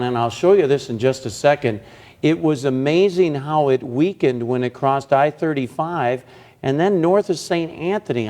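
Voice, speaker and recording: Man, TV meteorologist, live radar commentary, short emphatic phrases, mid-range pitch. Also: a little mellow. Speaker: chief TV meteorologist.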